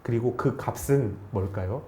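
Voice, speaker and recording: A man preaching a sermon as pastor, animated, asking rhetorical questions of the congregation. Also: mid-range voice, moderate pace, slight background noise. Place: church sanctuary. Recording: echoey church hall.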